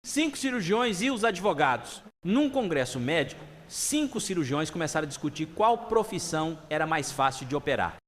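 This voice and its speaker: A man with a high voice reads a run of jokes in a deadpan way, letting each punchline land plainly. His voice rings with a long reverb, and a faint hum sits behind him. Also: normal speed. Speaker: comedy storyteller. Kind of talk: scripted joke narration.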